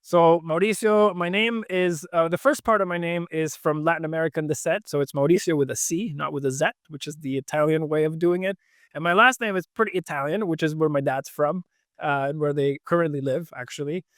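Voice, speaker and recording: A young adult man from Venezuela, the guest of an interview, speaking in relaxed, articulate conversational answers with frequent fillers. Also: fairly high pitch, a little fast, dry recording, clean studio sound. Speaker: guest, fintech co-founder.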